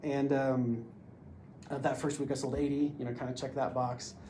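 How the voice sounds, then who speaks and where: A man's voice: medium pitch, level tone, normal speed, dark tone, slight background noise. A man telling his own story as a podcast guest, rambling with lots of filler words. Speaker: podcast guest, door-to-door salesman. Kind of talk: casual storytelling.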